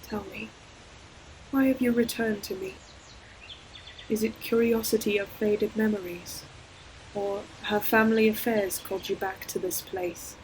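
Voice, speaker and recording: Mournful and tender, a woman plays a sorrowful ancient forest demon guarding what she loves, her medium-pitched, darkish voice slow, solemn, and fairly even, close to her everyday sound. Carefully chosen poetic phrases unfold in this scripted audio roleplay monologue of slow, dramatic storytelling, with ambient environmental effects and a little hiss or hum in the background.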